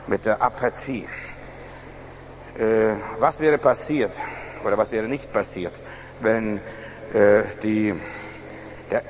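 A man's voice: fairly high pitch, slight background noise. A male pastor preaching a sermon emphatically, with frequent fillers and restarts. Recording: reverberant hall, faint ambience.

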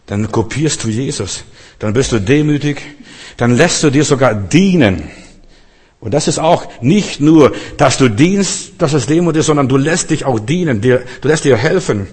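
A man's voice: mid-range voice, expressive, normal speed, darkish tone, slightly rough. A man preaching a sermon, earnest and repetitive, speaking straight to his listeners. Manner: earnest, repeats phrases, addresses listeners directly. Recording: long reverb of a church hall.

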